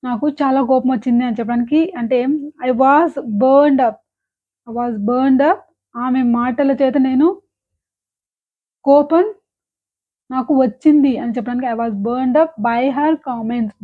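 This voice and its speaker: High-voiced woman teaching on a tinny line. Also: steady tone. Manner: slow, deliberate example sentences between quick explanations. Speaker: English teacher. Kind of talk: language lesson. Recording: tinny phone-like sound.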